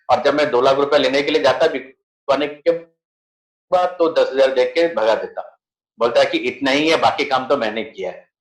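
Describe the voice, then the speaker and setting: A middle-aged man with an Indian accent, telling his personal story in a conversational, earnest way as a network marketing leader on a video call. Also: mid-range voice. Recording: echoey room on a video call.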